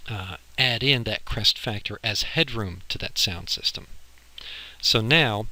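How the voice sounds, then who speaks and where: A male instructor gives an informal, step-by-step slide lecture on audio engineering, walking through the technical material. His fairly low voice has a sharp tone, and the harsh, rough amateur recording is full of clicking.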